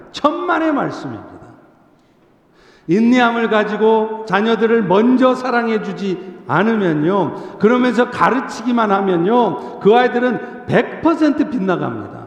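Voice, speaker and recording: A male Korean pastor preaching a sermon earnestly, sometimes acting out a gentle parent's words. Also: high voice, gravelly. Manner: earnest, coaxing, acts out gentle parent lines. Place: church sanctuary. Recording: echoey church hall.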